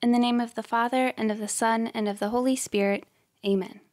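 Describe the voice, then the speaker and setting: A woman hosting a prayer podcast, reading scripted prayers in a slow, measured, prayerful way. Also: a little high, fairly even intonation, music in the background. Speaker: podcast host leading prayer.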